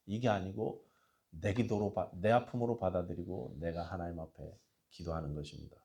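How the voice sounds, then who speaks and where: A man preaching a sermon in a church, swinging from hushed asides to loud, impassioned cries and reading scripture aloud with the congregation. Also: low-pitched, steady tone, a little fast, creaky. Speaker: pastor. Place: church sanctuary.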